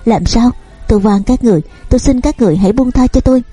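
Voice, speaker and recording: A tormented, disfigured young man who protests and begs in anguish. The voice is dark and husky, recorded close and dry, read by a woman storyteller. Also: fairly high pitch, fast talker, no room sound, faint music behind. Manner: anguished, pleading.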